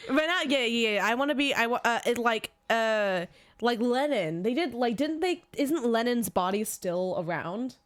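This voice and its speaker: Podcast co-host, female, slightly high voice, excitable and rambling in loose chat. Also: normal speed. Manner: rambling and excitable, trailing off and restarting. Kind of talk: casual chat.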